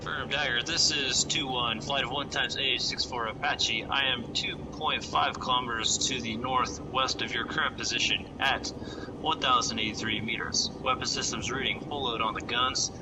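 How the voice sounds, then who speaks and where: Man over a radio, clipped formal check-in, distant from the mic, loud aircraft roar behind. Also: mid-range voice, steady tone, normal speed, noisy background. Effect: heard over a radio. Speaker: gunship pilot in a game unit. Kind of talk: military radio procedure.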